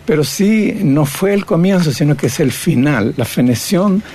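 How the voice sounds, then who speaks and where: A man's voice: on the high side, lively intonation, normal speed, warm tone, slight background noise. An older man, a cartoonist and painter reflecting on his career in an interview, often tagging his phrases with "¿no?". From Chile. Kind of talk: reminiscing interview.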